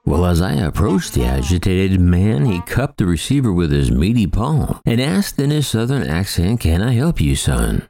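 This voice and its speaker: A man's voice: sing-song, moderate pace, vocal fry, few pauses, mellow, dry recording. A middle-aged man narrating a wry, vivid first-person story of his first flying lesson. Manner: wry, vivid storytelling with big swings in pitch.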